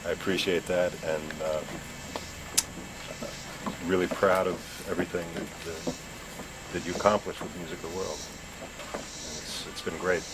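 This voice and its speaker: A man giving a heartfelt, halting tribute to an old friend at a gathering. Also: low voice, level tone. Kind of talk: heartfelt speech. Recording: crowd and background noise.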